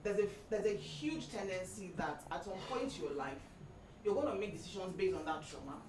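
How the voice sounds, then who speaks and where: A woman's voice: mid-range voice, lively intonation, fairly quick, a little mellow. A woman hosting a faith-based discussion, reflective and affirming, sharing personal experience. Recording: distant echoey room with background noise.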